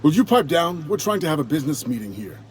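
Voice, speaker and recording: An actor playing a breezy, smug contract killer in a video game, glib and condescending. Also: male voice, fairly high pitch, very animated, fast talker, slight background noise. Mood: irritated, condescending.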